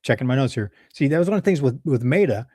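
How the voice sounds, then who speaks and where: A man's voice: mid-range voice, lively intonation, very fast, mellow, no room sound, clean studio sound. A man with a Midwestern accent hosting a solo leadership advice talk, conversational and prone to digressions and self-corrections. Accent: Midwestern American. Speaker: leadership channel host.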